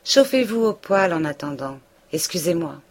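A woman's voice: fairly low pitch, very animated, moderate pace. A woman reading a novel aloud, voicing a pompous male village pharmacist who talks in a haughty, disdainful way. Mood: bossy.

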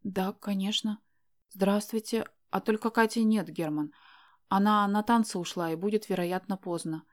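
A shy, conscientious young woman, as a narrator reads her, answers politely and hesitantly in a storybook reading. Her voice sits at a plain middle pitch, soft-spoken and proper. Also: fairly even intonation, moderate pace, natural voice. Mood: flustered.

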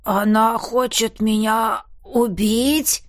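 A woman voicing a timid, shaggy male forest spirit with a hoarse, boozy voice and a whiny, pleading manner, in an audiobook. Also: fairly high pitch, fairly even intonation, very slow, dry recording, studio quality. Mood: frightened. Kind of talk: audiobook character voice.

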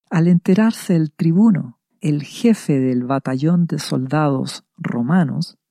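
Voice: mid-range voice, creaky, warm tone, no echo, clean studio sound. A preacher giving a sermon, retelling a scripture passage and asking rhetorical questions before answering them. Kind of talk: radio sermon reading scripture.

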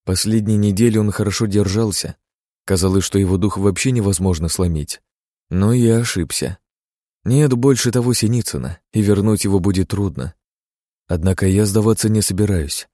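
Dark-voiced male audiobook narrator. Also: on the low side, moderate pace, no room sound, clean studio sound. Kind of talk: first-person scripted narration.

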